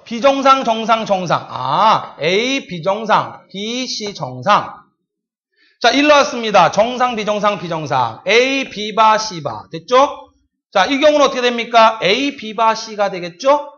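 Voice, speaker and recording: A man lecturing in a high, very animated voice, drawing out each step of his explanation. He keeps checking whether his class understands. The recording sounds muffled and lo-fi. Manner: talks to the class with frequent check-ins and drawn-out step-by-step recitation. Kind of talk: recorded exam-prep lecture.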